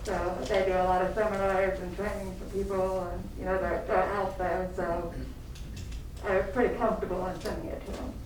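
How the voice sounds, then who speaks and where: A woman's voice: fairly low pitch, level tone, a little fast, darkish tone. A woman explaining things informally to a board as its administrator. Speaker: health department administrator reporting to board. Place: meeting room, picked up from a distance. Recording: very echoey room, distant mic, faint noise.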